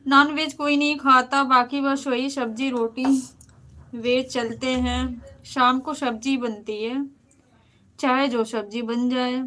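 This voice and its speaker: High, unhurried woman chatting. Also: little pitch movement, sharp tone. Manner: chatty, answers viewers directly. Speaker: live-stream host. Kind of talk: casual live-stream chat.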